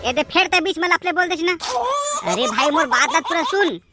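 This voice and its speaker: A woman's voice: very high-pitched, expressive, normal speed, over music. A woman with a Chhattisgarhi accent voicing cheeky village boys in a comedy cartoon. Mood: scheming. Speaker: voice actor. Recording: noisy background hiss.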